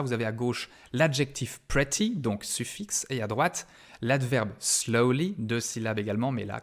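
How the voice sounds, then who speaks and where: A male university lecturer giving a recorded grammar lesson, patient and explanatory, often hesitating with fillers and slowing down to stress key words. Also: lowish voice, gravelly.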